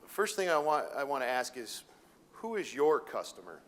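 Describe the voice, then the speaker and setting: This middle-aged welding sales manager from Detroit, Michigan speaks in a mid-range voice with big pitch swings, a fairly bright tone, and normal speed. His accent is Minnesotan, and his informal presentation to educators in an audience-filled room is folksy and rambling, peppered with fillers and restarts.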